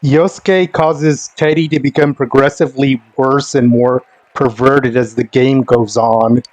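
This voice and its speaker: A man's voice: mid-range voice, fairly even intonation, measured pace, darkish tone, low-quality recording. A man giving casual commentary as a game streamer, with a sardonic, exasperated manner and free swearing. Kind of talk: casual commentary over gameplay.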